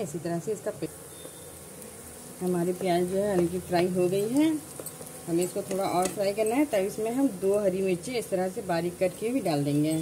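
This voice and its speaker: Calm woman guiding a cooking tutorial. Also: mid-range voice, a little hiss or hum, rough recording. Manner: calm step-by-step instructions. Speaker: cooking channel host.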